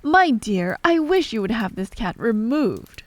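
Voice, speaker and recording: A woman's voice: a little high, very animated, unhurried, dry recording. Storybook king, played by a woman: pompous, fussy and imperious, haughty and emphatic in delivery. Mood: decided, petulant.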